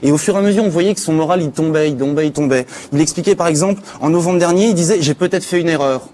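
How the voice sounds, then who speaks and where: On a live talk show, a male news contributor gives an informal spoken chronicle of internet news. His voice is fairly high and mellow, and he talks fast.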